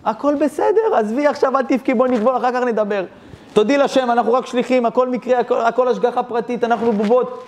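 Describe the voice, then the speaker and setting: A man voicing a very old, kindly woman who speaks calmly, gently and soothingly. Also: extremely high pitch, pitched above the performer's own voice. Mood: reassuring.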